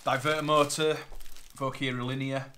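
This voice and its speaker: This Northern English plumber's mid-range voice comes across bright and forceful yet flat, at a moderate pace, over slight background noise. Chatty and matter-of-fact, he rattles off boiler parts during a casual unboxing vlog, seated at a table in his living room with a camera on a tripod and plastic bags crinkling.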